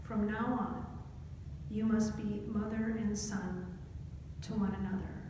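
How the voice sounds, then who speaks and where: A woman voicing a calm man on trial, speaking plainly and earnestly in a scripture story reading. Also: mid-range voice, slow, natural voice. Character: calm male teacher on trial, steady. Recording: echoey hall with faint noise.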